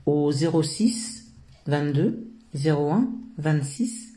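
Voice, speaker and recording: A woman's voice: sits low, lively intonation, slow pace, warm tone. A middle-aged woman from France answers interview questions about her work, earnest and hesitant, with many filler sounds. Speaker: founder of a social work business.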